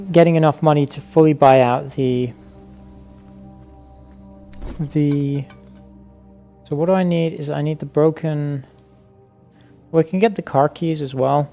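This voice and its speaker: A man's voice: a little high, a little mellow, smooth. A man giving casual let's-play commentary, thinking aloud with many fillers and restarts. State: hiccuping. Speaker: gaming YouTuber.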